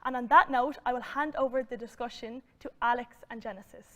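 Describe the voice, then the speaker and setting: A young woman in her twenties introducing a guest lecture as host, in a polite, clearly announced delivery. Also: a little high, fairly even intonation, a little fast. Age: 20s. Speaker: event host. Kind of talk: scripted introduction. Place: bright room with plants and windows.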